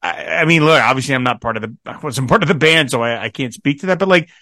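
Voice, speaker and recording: A man's voice: mid-range voice, fast talker, no echo. Chatty male podcast host, dry sound. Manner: rambling, animated storytelling with many fillers. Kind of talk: casual chat.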